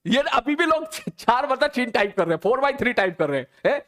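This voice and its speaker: A man's voice: very high-pitched, sing-song, brisk, fairly bright tone. A man teaching a live online physics class, chatty and teasing, talking to his students informally.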